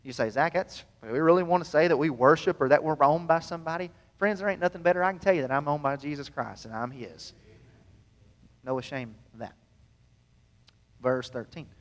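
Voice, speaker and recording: Folksy preacher in echoing hall. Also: male voice, on the high side, quick pace, hardly any pauses. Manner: folksy, self-deprecating, asks the crowd questions. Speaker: pastor. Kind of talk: sermon. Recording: long hall reverb.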